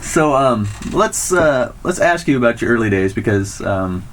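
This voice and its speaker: A man's voice: mid-range voice, very animated, normal speed, background noise. A man interviewing a guest for student radio, chatty and rambling, full of fillers and restarts. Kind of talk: casual interview.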